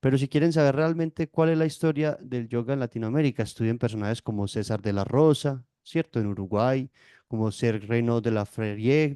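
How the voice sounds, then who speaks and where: A man, a yoga teacher, explaining at length in an interview and often checking in with his listener with a quick tag question. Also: medium pitch, mellow, clear, resonant tone, no echo, clean studio sound.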